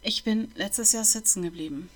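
A woman voicing a shy, withdrawn schoolboy who answers hesitantly and quietly. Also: mid-range voice, moderate pace, voice pushed up, natural voice. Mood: timid, hurt.

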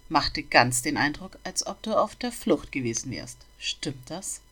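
A gruff, grumbling old man who runs a bookshop, as a woman reads him in a storybook. He questions sharply and disapprovingly, in a low, dark voice with a forceful, bright edge. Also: sing-song, a little slow, exaggerated voice. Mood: gruff, probing.

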